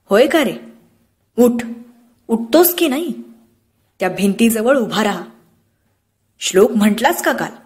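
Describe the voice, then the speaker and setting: A woman voicing a strict village father who speaks in sharp, demanding questions. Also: medium pitch, unhurried, pauses often, lightly acted. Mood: angry. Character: angry strict village father, middle-aged man.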